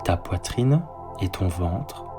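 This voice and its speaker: A man leading a guided sleep meditation and bedtime story, speaking softly and calmly. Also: low-pitched. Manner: slow, soft, calm guiding delivery. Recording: soft ambient synth music underneath.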